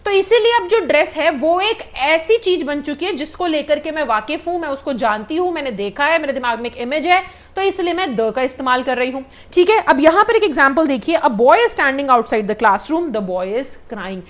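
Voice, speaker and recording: A woman's voice: high-pitched, animated. A woman teaching English grammar in a patient classroom style, with an Indian English accent, repeating points and checking that students follow. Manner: reads English example sentences slowly and deliberately.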